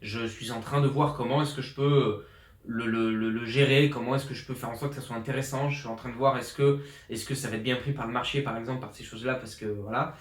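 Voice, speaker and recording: A fitness coach in his twenties talks quickly and with a steady tone at medium pitch, recounting his year in a loose, filler-heavy vlog full of restarts and real enthusiasm. The echoey room is his flat in an apartment building. His mic is a borrowed professional journalist model.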